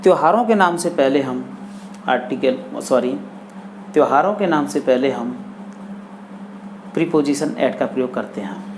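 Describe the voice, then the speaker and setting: A man gives an English grammar lesson in Hindi at a slow, unhurried pace. He repeats each example sentence carefully. A faint steady noise sits under the recording. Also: medium pitch. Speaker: English teacher.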